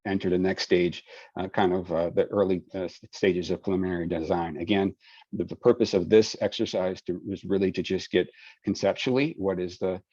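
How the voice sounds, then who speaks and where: Deep-voiced man moderating a dry video call. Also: a little fast, no echo, dull audio. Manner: relaxed, filler-heavy, folksy phrasing. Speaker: webinar moderator and project lead. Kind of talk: webinar Q&A.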